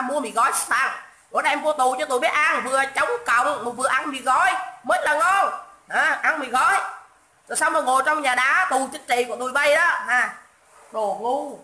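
High bright mocking woman ranting. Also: reverberant, rough recording. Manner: mocking, scolding, insulting, repeats herself. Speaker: livestream host. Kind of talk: political rant livestream.

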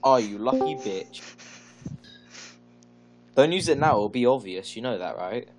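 A man's voice: mid-range voice, animated, unhurried, darkish tone, faint music behind. A man playing a card game over voice chat, making blunt swearing asides. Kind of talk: casual voice chat while gaming.

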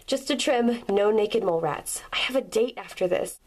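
A woman's voice: mid-range voice, lively intonation, moderate pace, a little mellow, a little hiss or hum, natural voice. A woman voicing a fussy, anxious female pet cat who worries about her fur and insists, repeating herself, in a toy pet video role-play. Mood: worried.

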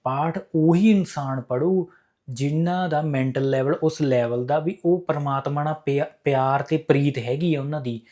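A man's voice: on the high side, warm tone. Punjabi man giving earnest spiritual advice. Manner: preachy, direct, repeats key phrases. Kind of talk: earnest instructional talk to camera.

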